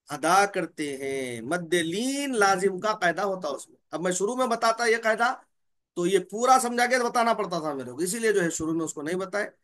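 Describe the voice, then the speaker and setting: Here a man with a high-pitched, fairly bright voice explains Quran recitation rules slowly and carefully. Key terms are repeated, letter names drawled, and he asks questions of himself before answering them.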